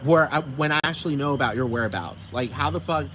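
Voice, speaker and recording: A man's voice: medium pitch, fast talker, noisy background. A man from the United States on a casual, rambling rant, sassy and profane, often asking rhetorical questions.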